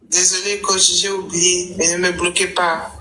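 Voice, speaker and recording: A woman playing a flattering, apologetic caller who compliments the coach. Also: on the low side, unhurried, a little hiss or hum, rough recording. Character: fawning woman caller on a live stream.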